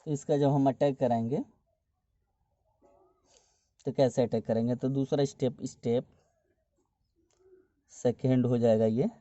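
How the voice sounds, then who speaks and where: A male chemistry teacher explains a reaction step by step, circling back to repeat the key terms. His voice is deep-toned and very dark. The sound is dry and a little muffled, like a basic lo-fi classroom recording. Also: steady tone, a little slow, long pauses, no room sound. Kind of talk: whiteboard lesson explanation.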